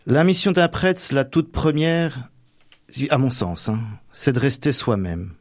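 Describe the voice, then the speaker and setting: A man's voice: medium pitch, sing-song, measured pace, no echo. A young man from Normandy, a seminarian soon to be ordained, answering radio interview questions hesitantly, with many fillers and restarts. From Normandy, France. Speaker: seminarian about to be ordained priest.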